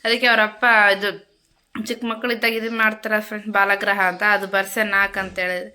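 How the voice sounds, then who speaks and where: A woman's voice: mid-range voice, fairly even intonation, quick pace, sharp tone. A woman chatting casually to her viewers at home in a vlog, repetitive and friendly. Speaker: vlogger. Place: home kitchen.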